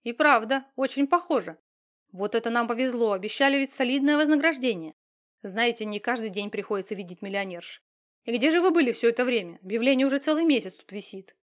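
A woman's voice: fairly high pitch, lively intonation, quick pace, natural voice. Female narrator doing doubtful officious cop boss, audiobook read. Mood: skeptical. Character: skeptical male police chief, officious.

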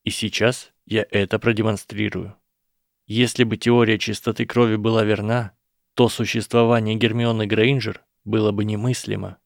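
An earnest young wizard, as a male reader plays him explains his argument slowly and persuasively. His low, gravelly tone stays close and dry, with no room around it. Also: level tone, no room sound. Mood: reasoning. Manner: measured, persuasive, slow explaining. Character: earnest boy wizard, calm and reasoning. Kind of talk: audiobook character voice.

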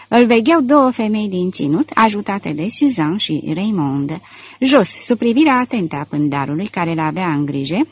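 A woman narrating a detective novel as an audiobook, reading expressively into a close mic. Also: mid-range voice.

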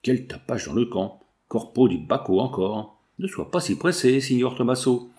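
A man's voice: mid-range voice, moderate pace, a little mellow, close to an everyday voice. A man voicing a coarse, mocking male brigand sentry in an audiobook. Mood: grumbling. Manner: mocking, crude cackle.

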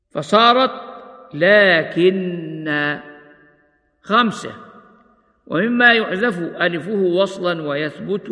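High, slow-spoken male recitation teacher. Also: bright, forceful tone. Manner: measured explanation, slowed recited examples. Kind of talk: tajweed lesson. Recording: long hall reverb.

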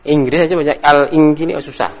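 A man's voice: a little high, steady tone, fast, lo-fi sound. A man teaching an Arabic grammar lesson, patiently correcting students and praising them often. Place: mosque study hall. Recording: long hall reverb.

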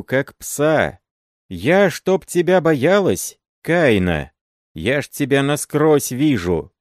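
A man's voice: on the low side, no echo, clean studio sound, voice pushed up. A man voicing an old woman teacher who shrieks fierce curses in an audiobook reading. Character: old woman teacher, shrill, vengeful, cursing.

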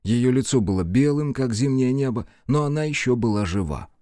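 A man narrating a dark fantasy audiobook in an expressive, dramatic reading into a studio microphone. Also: mid-range voice, brisk, dry recording. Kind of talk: scripted fiction narration.

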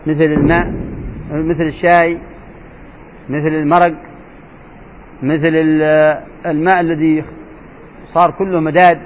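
A man sheikh teaching a jurisprudence lesson, asking his students questions and repeating key points. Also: high voice. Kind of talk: classroom lesson explaining a text. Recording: dull lo-fi recording with faint hiss.

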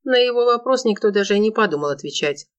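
Woman, audiobook narrator, first person, wry, even, middle pitch. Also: quick pace, muffled recording.

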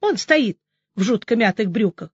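Woman reading a grumbling, mocking cop, quick retorts, audiobook. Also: medium pitch, expressive, husky, no echo, dull audio. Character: gruff, joking male police officer.

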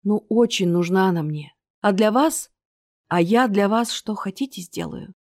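A woman's voice: mid-range voice, measured pace, darkish tone, dry recording, studio quality, lightly acted. A woman voicing a nervous young male bard who threatens and then pleads, in an audiobook reading. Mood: pleading. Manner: tense, whispering threats.

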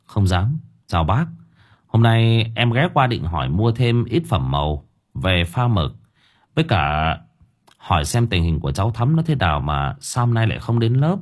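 A man's voice: on the low side, very animated, moderate pace. A man voicing a polite young male trainee teacher who stammers in surprise.

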